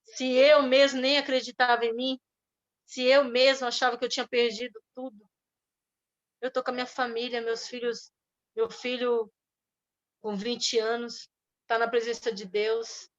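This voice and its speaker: A woman's voice: fairly high pitch, little pitch movement. Earnest middle-aged Brazilian woman, testimony. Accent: Brazilian Portuguese. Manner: earnest, pauses and restarts, soft voice. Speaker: church member giving testimony. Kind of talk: emotional personal testimony. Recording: dull lo-fi sound.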